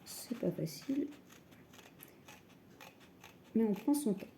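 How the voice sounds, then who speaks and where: A woman calmly guiding a scrapbooking tutorial step by step, working standing up. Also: a little high, slow pace, gravelly, slight background noise. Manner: calm step-by-step, often says "voilà". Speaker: scrapbooking crafter. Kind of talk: crafting tutorial.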